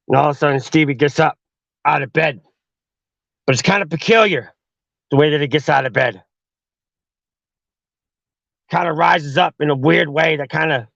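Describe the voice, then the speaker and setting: Gravelly guy telling a creepy story, swears a ton, slangy, dry close dull audio. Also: on the high side, a bit bright, dry recording. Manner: profane, slangy. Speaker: podcast host. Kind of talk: crude horror storytelling.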